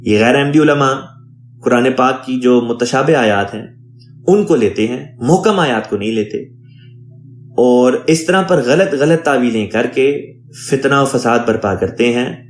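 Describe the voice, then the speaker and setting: A male imam teaches a word-by-word Quran translation lesson, reading each Arabic phrase and then explaining it in a measured, patient teaching tone. His voice sits at an ordinary middle pitch, and it rings with the echo of the room he is recorded in.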